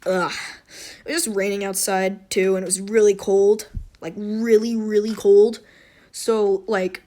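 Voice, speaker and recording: A woman hosts an informal game tutorial in a hoarse voice with a slight wheeze. She rambles along off the cuff, often apologetic and poking fun at herself. Her pitch sits in the middle for a woman. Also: little pitch movement, measured pace, dark tone. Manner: rambling, self-deprecating, apologetic. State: hoarse throat. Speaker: tutorial host. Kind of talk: casual unscripted game tutorial commentary.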